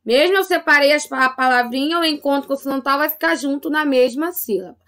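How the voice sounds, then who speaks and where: Brazilian lady teacher doing a remote lesson for kids, high voice, patient, keeps checking in with the kids. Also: fairly bright tone. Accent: Brazilian Portuguese. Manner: slow, patient teacher talk with frequent "tá?" check-ins. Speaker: primary school teacher. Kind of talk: recorded remote lesson for children.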